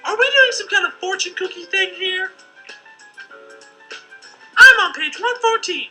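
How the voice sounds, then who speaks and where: A woman's voice: very high-pitched, expressive, unhurried, bright, forceful tone, soft background music, full character voice, low-quality recording. An actress voicing a skeptical young woman in a game who teases a caller warning her of danger.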